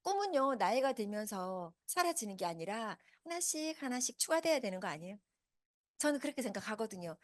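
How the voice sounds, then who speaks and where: A lively woman in her fifties presents at a business meeting, her pitch rising high and swinging widely as she questions the crowd. She talks quickly and keeps her delivery upbeat. The sound is dry and close, with no room echo. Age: 50s. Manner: animated, asks the audience many questions. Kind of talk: motivational seminar talk. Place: meeting hall with a live audience.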